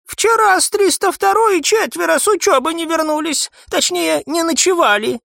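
A man's voice: extremely high pitch, moderate pace, gravelly, bright, forceful tone, no echo, studio quality, voice pushed up, exaggerated voice. A man voicing a fussy elderly watchwoman in an audiobook. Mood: worried.

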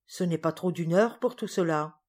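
A woman's voice: lowish voice, normal speed, darkish tone, natural voice. A woman voicing a put-upon male coachman who grumbles and defends himself. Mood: grumbling.

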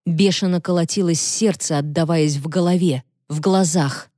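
Female audiobook narrator, calm and even, dark mellow tone, dry close recording. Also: lowish voice, moderate pace, dry recording. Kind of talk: scripted narration.

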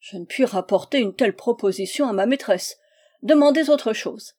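A woman's voice: on the high side, lively intonation, normal speed, dark tone. A woman reading a storybook, voicing a prim lady-in-waiting who is scandalized and indignant. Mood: outraged. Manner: indignant, outraged outbursts.

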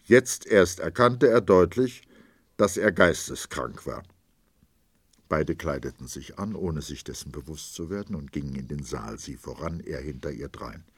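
Man reading a literary audiobook: deep, husky voice, wide pitch swings, dramatic with hushed passages. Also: animated, unhurried, no echo. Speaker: audiobook narrator.

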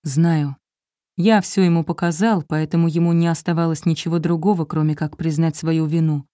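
A woman reading an audiobook, voicing a troubled young husband who speaks quietly and gently. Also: low voice, fairly even intonation, moderate pace, no echo, studio quality, close to an everyday voice. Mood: somber.

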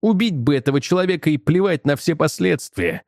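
Brief: male reader, slightly higher voice, measured storytelling, dry close mic. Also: expressive, darkish tone, no echo. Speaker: audiobook reader. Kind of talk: scripted narration.

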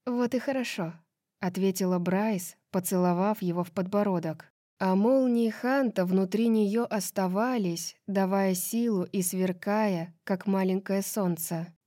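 Slow, mellow-voiced woman narrator. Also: medium pitch, steady tone, no echo, clean studio sound. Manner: slow, measured reading. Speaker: audiobook narrator. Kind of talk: scripted fantasy novel narration.

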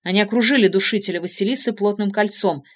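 A woman narrating a humorous novel as an audiobook, lively and expressive. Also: medium pitch, fast.

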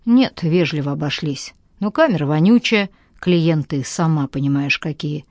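A woman's voice: low voice, expressive, normal speed, darkish tone, dry recording. Woman doing a sleepy, evasive young man. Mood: sleepy lying. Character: tired hungover young man, evasive liar.

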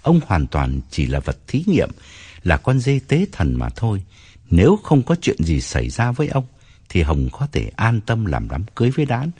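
A male narrator reads a novel aloud in a husky voice that swings widely up and down. His delivery is expressive and dramatic, shaping each sentence like a storyteller. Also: lowish voice, moderate pace. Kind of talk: audiobook narration.

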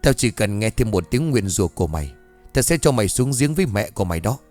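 A man's voice: lowish voice, big pitch swings, fast talker, darkish tone, soft background music. A man voicing a cruel village woman who speaks coldly and scolds and threatens. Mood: threatening.

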